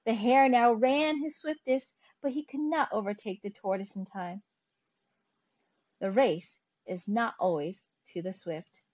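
A woman reads fables aloud in an expressive storytelling manner. Her voice is fairly high. The recording is dull and lo-fi. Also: a little slow, breathy edge. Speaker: narrator. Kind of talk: storybook reading.

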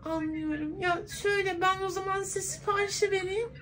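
Man doing a high-pitched coy woman's voice. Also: fairly even intonation, brisk, a bit bright. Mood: flirty, sweet. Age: 20s. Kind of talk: prank phone call. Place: clothing shop, indoors.

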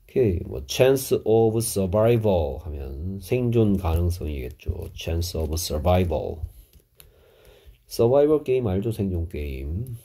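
A middle-aged man teaching English vocabulary, explaining each word slowly with Korean glosses. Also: fairly low pitch, big pitch swings, mellow. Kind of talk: vocabulary lesson.

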